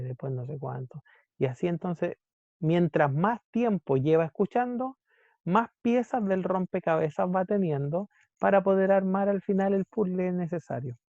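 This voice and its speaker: A man gives a classroom lecture in a somewhat high yet mellow voice, often checking in with his students and acting out little dialogues to explain things. The sound is dry and a little dull and lo-fi. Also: dry recording. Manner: checks in with "¿cierto?", acts out device dialogues. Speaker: teacher. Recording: dull, muffled lo-fi recording.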